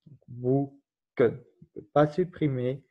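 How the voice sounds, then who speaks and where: On a dull, lo-fi recording, a male teacher spells out letters one by one while patiently going over grammar rules. He speaks slowly at a medium pitch.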